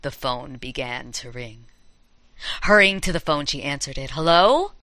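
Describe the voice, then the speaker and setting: A woman's voice: a bass voice, animated, normal speed, sharp tone, no echo, low-quality recording. A woman hosting a chat, telling campfire horror stories in a dramatic, playful way. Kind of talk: storytelling in casual chat.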